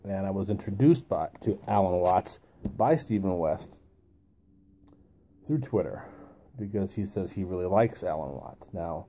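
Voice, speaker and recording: Deep, dark-voiced man musing around a pipe. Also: slight background noise. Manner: musing, halting, with long pauses; talks around a pipe in his mouth. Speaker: video host. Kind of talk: reflective philosophical monologue to camera.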